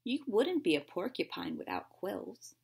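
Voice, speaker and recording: A kindly old porcupine uncle from a storybook , as a woman reads him. He sounds gravelly and husky, offering reassurance with gentle emphasis. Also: mid-range voice, big pitch swings, a little slow, heavily acted. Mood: emphatic.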